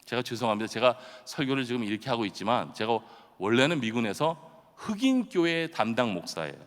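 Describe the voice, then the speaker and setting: A middle-aged man preaching a dawn revival sermon, telling stories in a chatty, self-deprecating way and bursting into sudden loud shouts. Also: mid-range voice, big pitch swings, brisk. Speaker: pastor. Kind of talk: early-morning revival sermon. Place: church sanctuary. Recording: long church-hall reverb.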